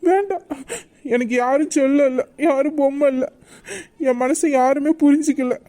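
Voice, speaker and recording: A woman's voice: sits high, moderate pace, mellow, natural voice. A woman playing a wounded, proud young man. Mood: hurt, angry. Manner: sulking, reproachful, scolding. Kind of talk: romantic audio drama acting.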